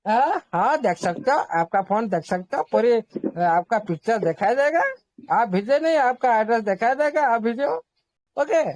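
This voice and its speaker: A man's voice: very high-pitched, lively intonation, normal speed, a little mellow, dry recording. A man hosting an online group meeting, explaining casually, repeating himself and reassuring the listeners while mixing in English terms.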